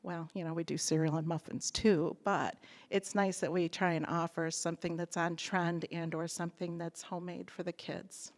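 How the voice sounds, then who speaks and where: Lower-voiced woman reporting to a school board, chatty and upbeat. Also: little pitch movement, moderate pace. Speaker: school food service director.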